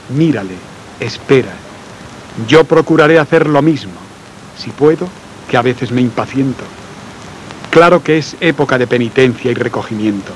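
A man reading devotional letters aloud in a slow, earnest and intimate way, letting phrases trail off quietly. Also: mid-range voice, slight background noise, rough recording. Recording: faint music and rain behind.

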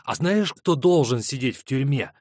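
A man reading an audiobook voices a shrill, melodramatic middle-aged woman who shrieks her accusations. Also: expressive, normal speed, no echo, clean studio sound, close to an everyday voice. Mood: shrieking.

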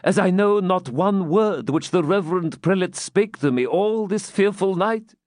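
A man's voice: sits high, animated, a little slow, a little mellow, no echo, studio quality, voice pushed up. A man voicing an aged, terrified old man who pleads for mercy in quavering archaic speech. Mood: pleading. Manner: trembling, pleading.

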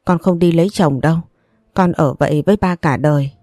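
A woman's voice: sits low, fairly quick, mellow, dry recording, studio quality. A woman voicing a young, spoiled but loving rich daughter who talks in an emotional, pleading way.

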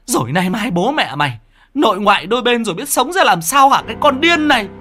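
A man voicing a furious, sharp-tongued old neighbor woman who scolds in a shrill voice. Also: very animated, brisk, full character voice. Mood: furious scolding.

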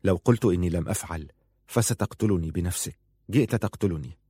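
A man voicing a rebellious young son who speaks loudly and defiantly. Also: sits low, fast, husky, no room sound, studio quality. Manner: defiant and loud.

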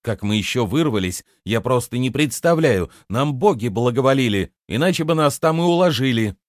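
A man's voice: medium pitch, animated, moderate pace, no echo, studio quality, close to an everyday voice. Man doing a fierce young warrior woman. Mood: indignant. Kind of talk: audiobook reading.

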